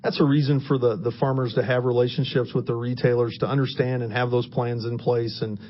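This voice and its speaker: A man's voice: medium pitch, flat delivery, brisk. A man with a mid-range voice explains things conversationally as an expert interview guest. The sound is slightly dull and band-limited. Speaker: interview guest, crop science agronomy expert.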